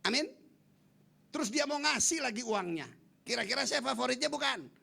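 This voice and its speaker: A man preaching a lively, humorous sermon to his congregation, acting out the voices of the people in his stories and teasing the listeners. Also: extremely high pitch, moderate pace, vocal fry, breathy edge. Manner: acts out quoted voices, playful asides to congregation. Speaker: pastor. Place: large church hall.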